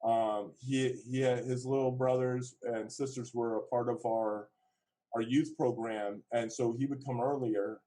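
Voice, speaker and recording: Mellow-voiced man presenting with many fillers. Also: medium pitch, poor audio. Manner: halting, with many fillers and restarts. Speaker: program co-founder presenting. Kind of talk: online presentation talk.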